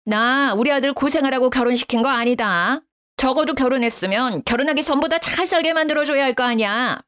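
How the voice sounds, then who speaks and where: A woman's voice: high voice, fairly quick, a bit bright, clear, resonant tone, voice pushed up. A woman voicing a domineering middle-aged mother-in-law who scolds in a raised, condescending tone. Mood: scolding.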